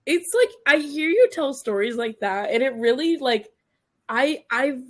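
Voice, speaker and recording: A woman in casual podcast chat, reacting with quick remarks and swearing freely. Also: high voice, animated.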